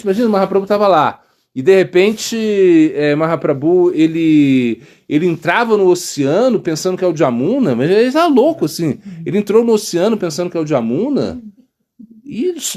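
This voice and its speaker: A Brazilian monk tells a devotional story with an animated, swooping delivery. His voice sits a little high for a man and jumps far up and down as he acts out the characters. He speaks with a Brazilian Portuguese accent and fills his talk with fillers. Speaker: monk and spiritual teacher.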